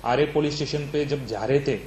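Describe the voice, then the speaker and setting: A male police officer giving a halting press statement with many pauses. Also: medium pitch, a little mellow. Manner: hesitant, many filler pauses. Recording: echoey room with faint noise.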